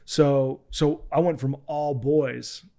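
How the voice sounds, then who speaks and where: A man in his forties, a pastor talking as a guest on a podcast, telling stories earnestly with frequent restarts and soft asides. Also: fairly high pitch, fairly even intonation, takes it slowly, vocal fry. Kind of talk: casual interview chat.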